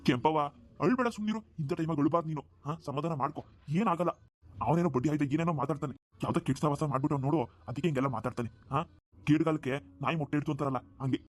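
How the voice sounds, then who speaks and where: A man voicing an older village father-in-law in a cartoon, who scolds his son and coaxes his daughter-in-law. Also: a little high. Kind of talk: cartoon dubbing.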